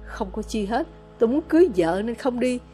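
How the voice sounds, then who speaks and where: A woman reader voicing an earnest young village man, quiet and a little tremulous. He speaks softly and pleads in a slightly high voice, a storybook figure caught between duty and love. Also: expressive, fairly quick, breathy edge, faint music behind. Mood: pleading.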